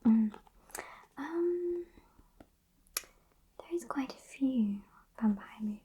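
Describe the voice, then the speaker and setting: A British woman playing a gentle, bookish librarian in a whispered role-play, murmuring softly and unhurriedly in a breathy whisper. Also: high-pitched, lively intonation, takes it slowly, highs cut off, a little hiss or hum. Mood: gentle, chatty. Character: sweet, gentle, bookish woman librarian working late nights. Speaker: ASMR performer.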